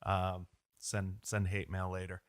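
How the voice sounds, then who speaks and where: A man's voice: low-pitched, completely flat delivery, unhurried, dry recording. Joking man co-hosting a podcast. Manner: joking, asks leading questions. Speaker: podcast co-host. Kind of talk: casual conversational discussion.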